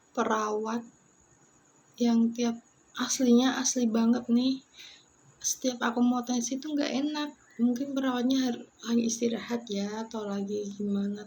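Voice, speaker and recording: A young woman telling a personal story in a vlog, halting and close to tears, tired, with many restarts. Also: a little high, warm tone, a little hiss or hum. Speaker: vlogger. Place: isolation ward room.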